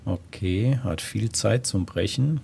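A man's voice: lowish voice, slow, vocal fry, dark tone, a little hiss or hum. A man giving casual gameplay commentary, musing and thinking aloud to himself as he plays. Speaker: gamer, let's play host.

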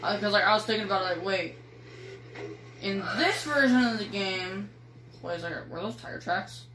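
A teenage girl casually commentating a driving game she films with her phone in a dark room at home, rambling and teasing with casual swearing. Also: mid-range voice, animated, moderate pace. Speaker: gaming video creator. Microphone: phone filming a screen. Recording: echoey room with faint noise.

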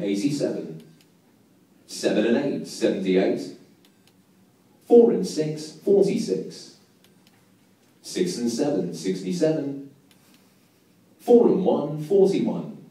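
A man's voice: mid-range voice, warm tone. A young man in his twenties calling bingo numbers in a sing-song, patterned manner as the host. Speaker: bingo caller, show host. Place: large bingo hall, indoors. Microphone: handheld mic over hall speakers, filmed from nearby. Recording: echoey hall PA, far from the mic.

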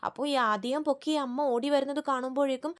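A woman's voice: high voice, steady tone, brisk. A woman casually retelling a TV serial episode, chatty and full of fillers. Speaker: narrator.

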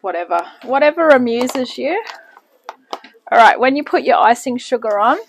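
A woman's voice: fairly high pitch, lively intonation, normal speed, slight background noise, poor audio. A woman hosting a casual home cooking demonstration in her kitchen, chatty and self-deprecating with rambling asides. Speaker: home cooking channel host.

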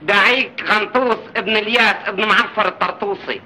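Piercing, blustering Levantine landlord. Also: male voice, high voice, fairly even intonation, fairly quick, bright, forceful tone. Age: middle-aged. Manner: scolding, indignant, digressive. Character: blustering, stout, aggrieved landlord, comically long-winded. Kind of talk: 1940s film comedy acting. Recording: noisy old film soundtrack.

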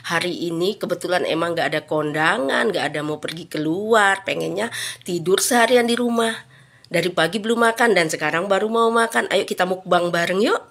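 Speaking fairly quickly in a lowish, gravelly, slightly bright voice, this Indonesian food vlogger in her thirties talks casually to viewers. She records mukbang content indoors at home in the living room, using a phone at arm's length.

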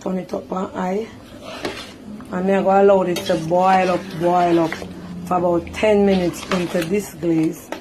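A woman's voice: mid-range voice, noisy background. A woman with a Jamaican accent talking viewers through a recipe as she cooks in her home kitchen, chatty and homely. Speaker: home cook. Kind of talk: casual cooking vlog.

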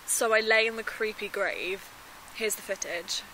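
A woman in her twenties, mid-range and bright with a forceful edge, speaks a little slowly and fairly evenly as an anxious, determined sister searching for her missing sibling, confiding uneasily to a found-footage video diary. She holds the camera at arm's length, first in a small room and then outdoors in bare woodland. The recording is rough, with slight background noise.

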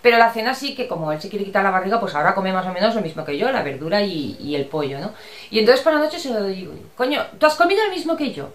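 A chatty, affectionate middle-aged woman from Barcelona casually answers viewer comments as a vlogger. Her Spain Spanish accent slips into Andalusian at times. She has an expressive mid-range voice, talks fast, and the recording has a roomy echo.

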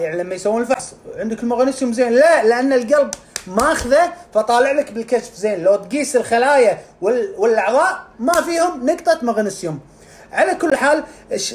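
A man explains health topics in a lively, casual way and speaks at a brisk clip. He acts out little scenes with sound effects as he goes. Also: high-pitched, a little hiss or hum. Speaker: integrative medicine specialist.

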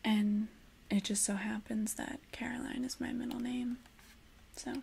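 Woman acting a hushed, creaky, obsessive librarian in ASMR role-play. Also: on the high side, level tone, slight background noise. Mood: coaxing, infatuated. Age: young adult. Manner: hushed, slow, intimate librarian soft voice with pauses. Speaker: ASMR performer playing a librarian.

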